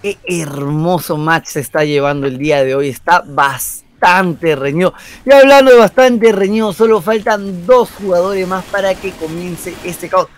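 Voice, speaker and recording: A man with a slightly high voice co-casts a tense esports match. He leans on repeated phrases with emphatic relish. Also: a little slow, hardly any pauses. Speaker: esports caster. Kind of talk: live esports commentary.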